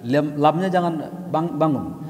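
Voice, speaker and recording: A man teaching Quran recitation rules, chanting verses slowly and then explaining in quick bursts. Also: on the high side, darkish tone. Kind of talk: tajwid lesson, chanting verses and correcting. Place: mosque hall. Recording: echoey mosque hall.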